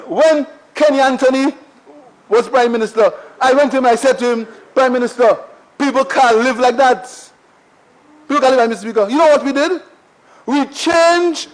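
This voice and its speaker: The recording is low-quality, capturing an extremely high-pitched Saint Lucian man speaking in a parliament chamber. As a member of parliament, he delivers an impassioned, repetitive speech loaded with rhetorical questions.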